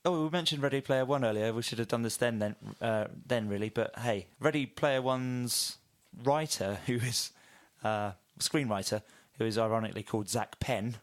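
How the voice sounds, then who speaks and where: A man's voice: medium pitch, normal speed, hardly any pauses. A man hosting a casual podcast, reading out film news in a chatty, hesitant way with many fillers. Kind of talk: casual chat.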